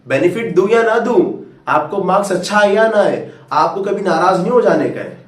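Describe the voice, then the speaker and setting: A man's voice: high voice, expressive, normal speed. Male tutor, fatherly motivational pep talk, echoey room. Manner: fatherly, coaxing, calls listeners "beta". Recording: roomy echo, far from mic.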